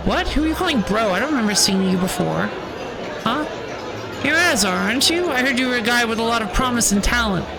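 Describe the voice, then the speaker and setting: A woman voicing an irritable, confrontational off-duty man in a video game, with rough street-tough phrasing. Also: on the high side, lively intonation, a little fast, music in the background, a crowd in the background. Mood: scornful. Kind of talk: reading video game dialogue aloud in character.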